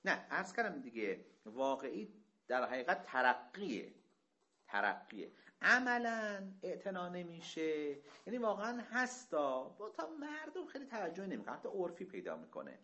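Animated male lecturer, bright lively voice. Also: lo-fi sound. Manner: reads Arabic slowly then explains conversationally; asks rhetorical questions, lively pitch swings. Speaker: teacher explaining a text. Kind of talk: lecture reading and explaining Arabic passages.

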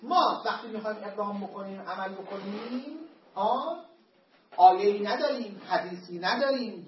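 A man teaching a seminary class on Islamic law, emphatic, with joking asides to his students. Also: high-pitched. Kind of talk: classroom lecture on Islamic jurisprudence. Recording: dull lo-fi classroom recording.

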